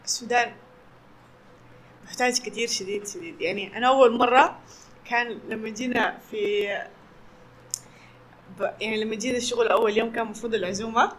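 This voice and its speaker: A woman's voice: fairly high pitch, fairly even intonation, a little fast, long pauses, slight background noise. A woman with a Sudanese Arabic accent talking casually in conversation. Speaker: employee and conversation partner.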